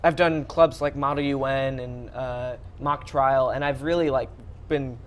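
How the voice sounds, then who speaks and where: A late-teen young man answers questions as a guest in a casual interview, hesitant and full of fillers. His medium-pitched voice is steady and measured, with a little hiss or hum.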